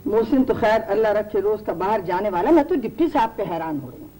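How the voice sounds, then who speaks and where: An actress as a fretful genteel matriarch. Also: female voice, mid-range voice, lively intonation, fast, mellow, natural voice, poor audio. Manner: fretful and bickering. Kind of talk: 1980s TV drama acting. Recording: old TV drama audio, light noise.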